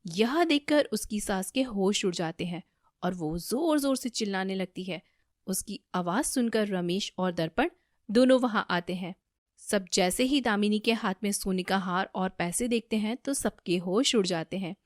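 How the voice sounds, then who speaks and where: A woman narrating a family moral story for a cartoon in a steady, even manner. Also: medium pitch, moderate pace, dry recording, studio quality.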